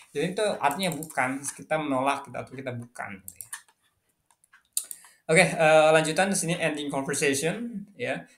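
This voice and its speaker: A man teaching a casual online English lesson, reading example phrases slowly and explaining with many fillers. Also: a little high, fairly bright tone.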